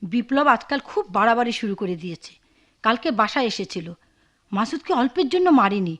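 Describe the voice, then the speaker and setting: An actress playing a sharp-tongued, wealthy older sister who scolds her brother, in a television drama. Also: very animated, fairly quick. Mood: complaining. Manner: scolding, shrill.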